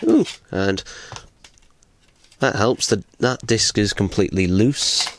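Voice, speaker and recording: A man's voice: lowish voice, slow, a little hiss or hum. A man casually unboxing items at home, rambling with many fillers and casual swearing, sore after a fall. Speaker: unboxing vlogger. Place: small room at home. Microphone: close desk microphone.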